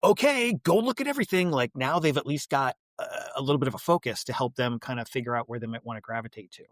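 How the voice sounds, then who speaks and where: A man hosting a podcast and interviewing a guest, responding warmly and with emotion. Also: medium pitch, fairly even intonation, fast, dry recording, studio quality. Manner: warm, emotional, enthusiastic responses. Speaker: podcast host, middle school teacher. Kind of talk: casual interview.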